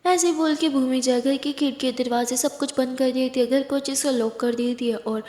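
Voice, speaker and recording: A woman narrating a love story in a lively, chatty way. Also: high voice, moderate pace. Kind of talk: Hindi spoken story narration. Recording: echoey room with long reverb.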